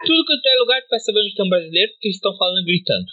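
A woman's voice: mid-range voice, animated, rapid-fire, phone-quality sound. A woman chatting casually on a podcast, sarcastic and swearing freely as she mocks people.

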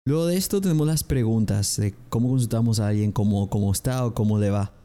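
A young man teaching English on a podcast, explaining phrases and slowly repeating each model pronunciation twice. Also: on the low side, mellow. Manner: explanatory, addresses listeners directly. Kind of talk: podcast language lesson.

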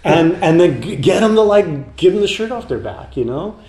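A man telling rambling, animated road stories as a guest in a casual interview. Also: high-pitched, moderate pace, crowd noise. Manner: animated anecdotes with put-on voices, loose and rambling. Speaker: guest musician. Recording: roomy echo.

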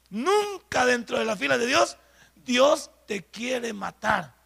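Salvadoran pastor preaching, high gravelly voice, throws questions at the church, gets loud. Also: male voice, long reverb tail. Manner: fervent, rising to shouts, rhetorical questions to the congregation. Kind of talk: sermon.

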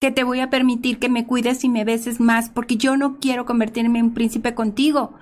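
A woman's voice: a little high, level tone, moderate pace, close to an everyday voice. A woman voicing a rude, manipulative male frog in a told fairy tale, with a scornful, bossy manner.

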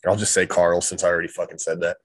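A man joins a casual chat with friends and states his views bluntly. His voice is low and the recording is dry and close. He swears freely and is plainly sure of his opinions. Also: little pitch movement, fast talker, no echo.

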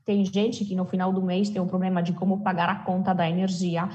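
A woman's voice: lowish voice, flat delivery, a little fast, dark tone, highs cut off. A woman from Italy with an Italian accent in her Portuguese, explaining her views conversationally and emphatically as an interview guest, often posing questions and answering them herself.

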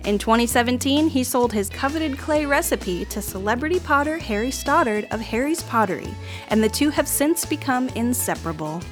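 A woman podcast host reading an absurd made-up biography in a straight, deadpan delivery. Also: fairly high pitch, normal speed, over music. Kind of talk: comic mock-biography reading.

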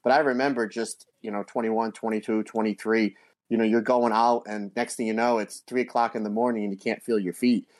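A man's voice: on the low side, level tone, brisk, darkish tone, no room sound. A man co-hosting a podcast, chatting casually in a folksy, jokey and rambling way. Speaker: podcast co-host. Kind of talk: casual chat, anecdotes.

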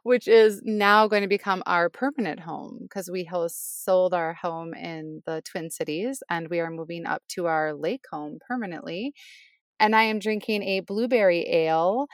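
Co-host type, a nurse, chatty woman recording inside a closet, dead dry sound, lowish voice. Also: normal speed. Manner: chatty, relaxed, many "like" fillers. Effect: muffled closet sound, dry with no room echo. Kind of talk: casual chat between friends.

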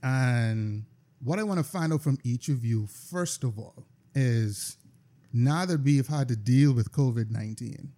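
A man hosting a podcast, asking probing questions in quick succession during a casual discussion. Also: mid-range voice, mellow. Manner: probing, fires off rapid questions. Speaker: podcast host.

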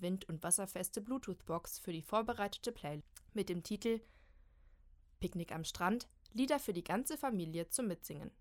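A woman narrating a children's storybook with a lively, expressive reading. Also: mid-range voice.

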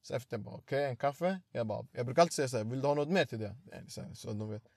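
A young man, telling an animated story in casual slangy chat and acting out the quotes. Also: medium pitch, no room sound, clean studio sound.

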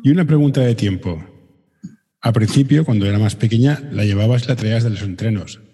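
Guy asking interview questions, dark husky voice, some reverb. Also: lowish voice, a little fast.

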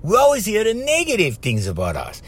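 A man's voice: sits high, huge pitch swings, a little fast, slightly rough. A man with a Hawaiian Pidgin accent giving an informal motivational talk as a life coach, conversational and often checking in with his listeners.

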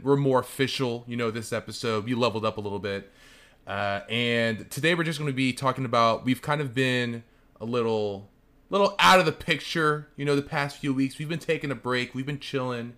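A man's voice: mid-range voice, fairly even intonation, brisk, fairly bright tone. A man hosting an anime podcast with casual, laid-back chat. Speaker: podcast host.

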